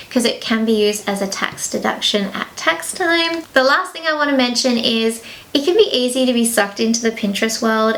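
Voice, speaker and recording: Chatty woman with gravelly edge. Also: on the high side, fairly bright tone, low-quality recording. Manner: chatty, fast-flowing, reassuring advice with many asides. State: out of breath. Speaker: teacher giving advice to new graduate teachers. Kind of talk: casual advice vlog.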